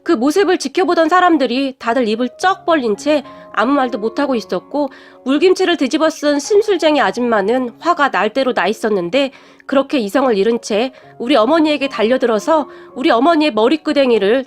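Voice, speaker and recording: A woman giving steady scripted narration of a first-person story. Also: sits high.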